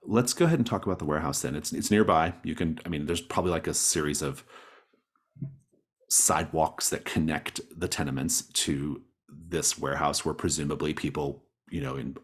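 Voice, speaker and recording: As game master, a man narrates a tabletop roleplaying game partly from the rulebook and partly in conversation. His voice is low and husky, his pace moderate, and he prompts players warmly, steering them along with questions while describing scenes.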